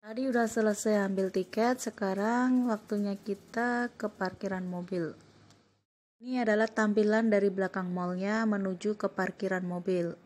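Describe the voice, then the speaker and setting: A woman in her thirties from Indonesia, calmly narrating a shopping trip as a vlog voice-over. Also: medium pitch, normal speed. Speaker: vlogger.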